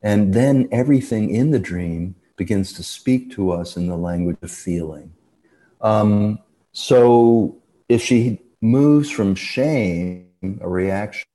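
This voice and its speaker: A man who is a radio guest, explaining ideas about dreams in a measured way and often trailing off softly. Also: sits low.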